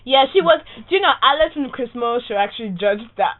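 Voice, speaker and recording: A woman's voice: on the high side, animated, quick pace. Woman chatting on a music podcast, lots of ums and you knows, tinny phone sound. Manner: chatty, relays news with many fillers. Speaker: podcast co-host. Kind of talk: casual music chat.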